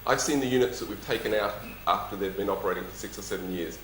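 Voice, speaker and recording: A man's voice: fairly low pitch, fast talker, a bit bright. Lisping man answering questions, roomy echo. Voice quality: lisp. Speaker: company executive presenting and taking audience questions. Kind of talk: public talk with question-and-answer session. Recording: roomy echo, faint background noise.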